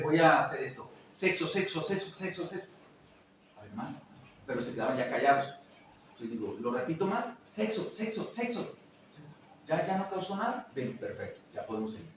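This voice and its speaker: A man, a teacher, chatting casually and telling classroom stories in an animated way that acts out other voices. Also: medium pitch, distant mic. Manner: animated, acts out quoted voices and laughs often. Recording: roomy echo, away from the mic, faint noise.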